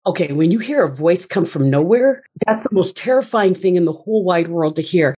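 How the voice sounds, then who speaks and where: A woman's voice: fairly low pitch, lively intonation, fairly quick, mellow, breathy edge. A woman speaking as a podcast guest, earnestly and reflectively telling her personal story and acting out her inner voices.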